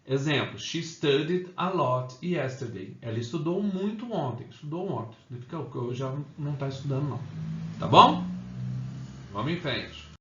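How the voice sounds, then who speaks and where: A man's voice: a little high, animated, pushed and bright, roomy sound, highs cut off, a little hiss or hum. A man teaching an English grammar lesson, explaining rules step by step and checking in often with the class. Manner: slow, repeats "tá?" and "ok?" to check understanding. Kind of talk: Portuguese-language grammar lesson.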